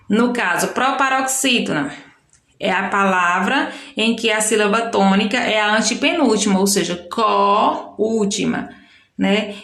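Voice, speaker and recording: In a recorded remote lesson, a Brazilian woman who teaches primary school goes through a textbook with young pupils. She has a medium-pitched, slightly bright voice with a Brazilian Portuguese accent, the sound is roomy, and her explanations are slow and patient, with frequent self-corrections.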